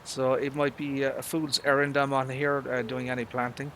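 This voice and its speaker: A man's voice: mid-range voice, level tone, moderate pace, fairly bright tone. Irish male streamer, middle-aged, mid-range voice, loose rambling chat with viewers, mild cursing, faint hiss in the background. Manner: chatty, rambling, drops mild swears and fillers. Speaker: live game streamer. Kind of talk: casual live-stream chat while gaming.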